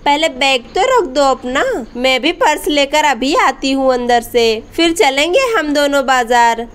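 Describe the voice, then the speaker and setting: A kind young village daughter-in-law, as a woman plays her in a doll story. Her voice is high, and she talks in a gentle, reassuring way. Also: measured pace. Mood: caring.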